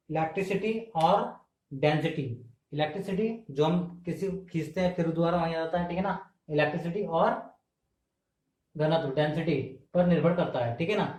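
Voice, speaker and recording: A man's voice: fairly high pitch, a little mellow. A man teaching an exam-prep class, asking questions and answering them himself while he repeats key terms, recorded on a camera mic in a room. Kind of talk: classroom lecture. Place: indoor room filmed on camera. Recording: echoey room.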